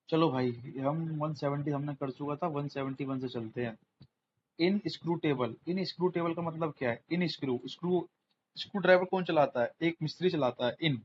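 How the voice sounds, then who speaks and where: A man's voice: on the high side, dull audio, a little hiss or hum. A man hosting a casual exam-prep vocabulary lesson, repeating words and quizzing viewers with rhetorical questions to build memory tricks. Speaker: exam tutor, channel host. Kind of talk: informal vocabulary lesson with mnemonics.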